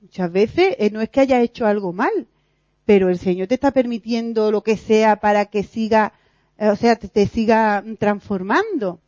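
A woman's voice: mid-range voice, normal speed, dark tone, no room sound. Woman lay teacher, earnest church talk, quotes her own fretting, dull lo-fi dry recording. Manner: laughs at herself.

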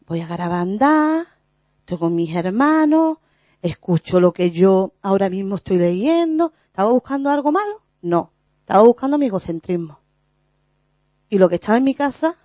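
Woman, earnest religious talk, animated pitch, mellow tone, dull lo-fi sound. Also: dry recording. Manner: earnest, halting, many restarts and fillers. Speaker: lay preacher sharing a spiritual reflection. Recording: dull lo-fi recording.

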